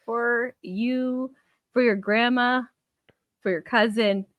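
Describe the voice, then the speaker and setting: A woman co-hosting a casual podcast, giggly and informal, with vocal fry and frequent use of "like". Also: fairly high pitch, steady tone, slow pace, dry recording, lo-fi sound. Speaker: podcast co-host.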